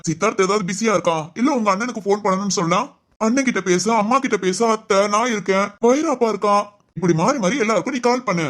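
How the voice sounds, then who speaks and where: Caring middle-aged dad, woman plays him, fast soothing talk, keeps reassuring his daughter. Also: mid-range voice, close to an everyday voice. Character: caring middle-aged father, gentle and encouraging. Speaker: father in a family drama. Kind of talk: amateur village family drama.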